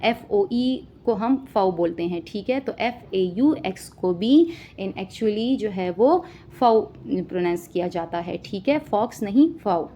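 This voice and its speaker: A woman teaching vocabulary, listing each word with its meaning and often checking understanding with a quick question. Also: medium pitch, expressive, mellow, a little hiss or hum. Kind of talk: spoken vocabulary lesson.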